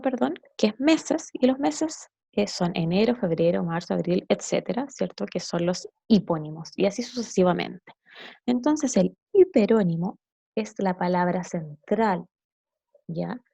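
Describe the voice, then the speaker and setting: A woman's voice: medium pitch, gravelly, warm tone. A woman teacher giving a patient, explanatory recorded lesson to children, often checking in with her listeners.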